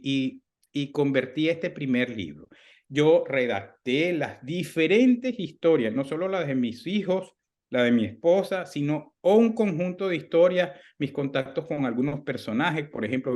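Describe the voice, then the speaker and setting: A man in his fifties with a Venezuelan accent, a guest author talking casually in an interview from home over a video call, animated and acting out remembered dialogue. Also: medium pitch.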